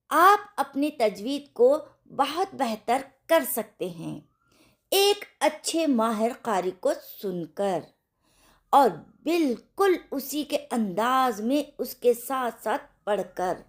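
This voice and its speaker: A woman teaching tajweed in an online lesson, explaining patiently, checking in with her students and sounding out syllables slowly for practice. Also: sits high, big pitch swings. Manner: slow, patient teaching with repeated check-ins. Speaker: Quran recitation teacher.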